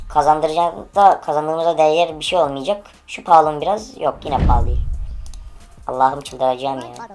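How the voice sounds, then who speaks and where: Low-voiced woman ranting over a game. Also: a little mellow. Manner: impatient, profane, urging the game aloud. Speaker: online case-opening streamer. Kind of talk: live gaming commentary.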